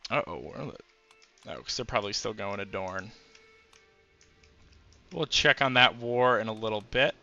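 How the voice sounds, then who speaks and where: A man's voice: fairly low pitch, normal speed, gravelly, long pauses, pushed and bright, dull audio, faint music behind. A man giving casual commentary while playing a strategy game, musing aloud with frequent fillers. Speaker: gameplay commentator.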